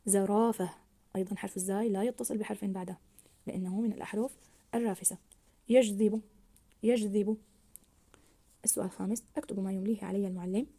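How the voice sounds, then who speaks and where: A woman teaching a grammar lesson to young children, slowly stretching out words as she models them and praising her pupils. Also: mid-range voice, warm tone.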